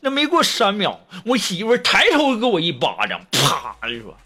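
Lively male joke-telling podcast host. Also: sits high, brisk, slightly rough. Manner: lively storytelling, acting out quoted voices. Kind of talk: telling funny anecdotes. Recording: music bed under the voice.

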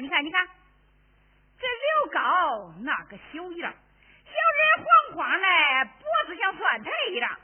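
A greedy scheming sister-in-law, opera stage voice, high and swooping, tinny phone-like sound. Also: female voice, exaggerated voice. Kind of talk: Henan opera spoken dialogue.

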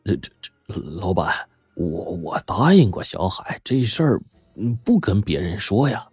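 A man voicing a timid older worker who stammers and confides in a hushed, hesitant way. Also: mid-range voice, big pitch swings, normal speed, slightly rough, no room sound, clean studio sound, faint music behind, voice pushed up. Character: timid older male worker, gossiping quietly.

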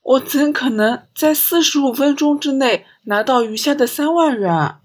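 A woman's voice: high voice, moderate pace, pitched above the performer's own voice, lightly acted. A woman reading an audiobook, voicing a desperate middle-aged father, a civil servant, who stammers in panic. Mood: pleading.

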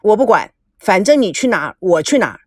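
A woman's voice: medium pitch, big pitch swings, a little fast, no room sound, studio quality. A woman voicing a stubborn older father who speaks curtly and sarcastically. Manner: curt, grumbling, sarcastic. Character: gruff stubborn older father, a company chairman.

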